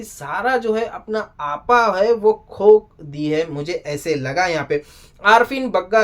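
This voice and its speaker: A TV show reviewer giving a casual spoken episode recap, animated, often exclaiming and scolding the people on screen. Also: medium pitch.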